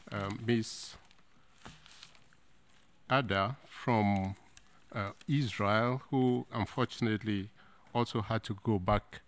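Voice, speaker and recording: A male moderator guiding a formal session, speaking slowly and deliberately. His voice is fairly low, and he adds a touch of dry humor as he hands over to the floor. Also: clean tone. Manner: measured, deliberate, with light humor. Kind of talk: chairing a meeting.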